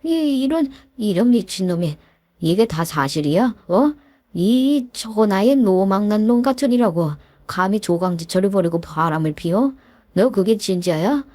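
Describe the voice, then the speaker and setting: A woman's voice: mid-range voice, animated, unhurried, mellow, dry recording. A woman voicing a furious older father-in-law who scolds harshly and barks commands in a told story. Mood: furious scolding. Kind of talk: storytelling with voiced characters.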